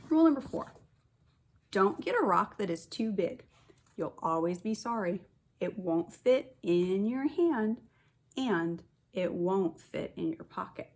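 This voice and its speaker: Reading a picture book to her class a little slowly, a kindergarten teacher uses a mid-range voice, leans expressively on key words, and chats with the children in asides along the way.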